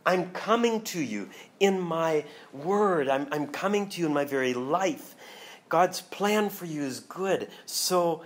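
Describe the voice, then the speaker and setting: A man, a pastor, preaching a sermon and reading scripture aloud with slow, dramatic emphasis. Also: fairly high pitch, expressive. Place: church hall.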